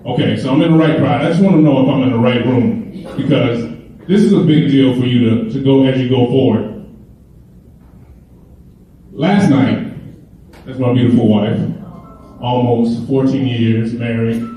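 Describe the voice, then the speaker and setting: A middle-aged man from Chicago speaks at a moderate pace, pausing often, in a mellow mid-range voice. He's delivering a motivational keynote, telling humorous stories in a casual, conversational way. Echo from the hall, a distant mic, and faint hiss color the audio.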